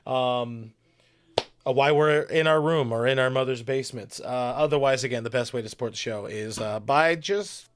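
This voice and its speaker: A man's voice: mid-range voice, normal speed, slight background noise. A man hosting a sports podcast, chatting loosely and joking through his sign-off. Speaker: podcast host. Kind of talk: casual chat.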